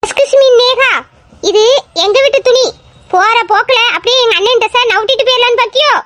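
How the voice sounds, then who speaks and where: A woman's voice: very high-pitched, fairly quick, fairly bright tone. A woman voicing a sarcastic young woman.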